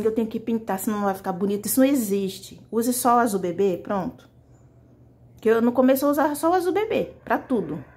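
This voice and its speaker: A woman's voice: mid-range voice, darkish tone. A woman leads a casual fabric painting lesson with her hands busy at the brush. She chats directly to her viewers in an easy, talkative way. The mic sits close to her voice. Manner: chatty, talks directly to viewers. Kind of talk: casual tutorial.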